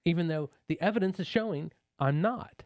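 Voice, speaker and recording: A man's voice: fairly high pitch, normal speed, a little mellow, no echo. A man co-hosting a casual reaction podcast, arguing earnestly and often restarting his sentences. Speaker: podcast co-host.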